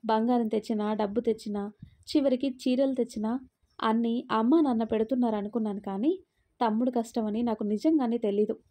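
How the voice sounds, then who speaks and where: A woman's voice: fairly high pitch, fairly quick, mellow, close to an everyday voice. A woman voicing a weary, remorseful pregnant young wife in a spoken story. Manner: weary, tearful.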